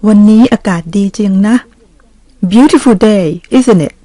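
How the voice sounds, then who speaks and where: A woman's voice: medium pitch, fairly quick, warm tone, no room sound. A woman teaching English in Thai, patiently explaining each example phrase by phrase. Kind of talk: scripted lesson narration.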